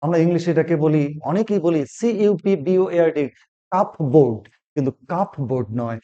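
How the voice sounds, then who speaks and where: Mellow Bengali-speaking male teacher. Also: on the high side, lively intonation, fast, clean tone, dull audio. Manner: repeats words and quizzes the viewer. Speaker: spoken English teacher. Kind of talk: pronunciation lesson.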